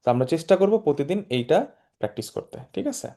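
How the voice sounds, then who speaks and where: A man teaching an online Arabic class, explaining each word and repeating phrases slowly. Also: a little high, sing-song, mellow. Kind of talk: recorded online class lecture.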